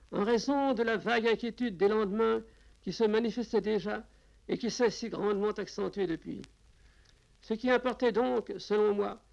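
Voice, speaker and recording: A man giving measured, formal answers in a radio interview, heard from an old worn tape. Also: sits high, vocal fry. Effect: old worn tape, dull lo-fi sound.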